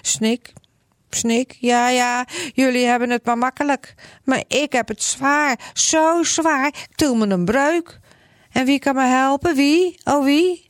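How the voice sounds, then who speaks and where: Woman putting on a high, self-pitying stubborn woman, storybook character. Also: expressive, a little slow, a little mellow, dry recording, clean studio sound. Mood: whining. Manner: complaining, whining and defiant.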